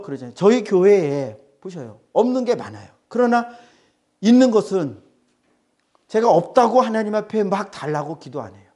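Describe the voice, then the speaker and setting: A man's voice: very high-pitched, a little mellow. A male pastor preaching a sermon, emphatic and repeating his phrases.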